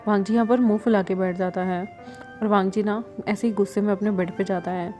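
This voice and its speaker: A woman's voice: mid-range voice, steady tone, fairly quick, warm tone, faint music behind. A woman telling a fan story in a casual, chatty narrating style with conversational asides.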